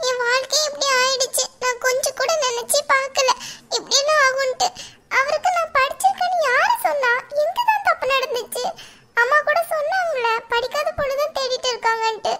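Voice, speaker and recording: A very high, bright and piercing cartoon voice of a young married village woman, acted by a woman. She sounds tearful and anxious, fretting aloud in despair. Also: brisk. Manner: tearful, despairing, talks to herself. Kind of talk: cartoon voice acting.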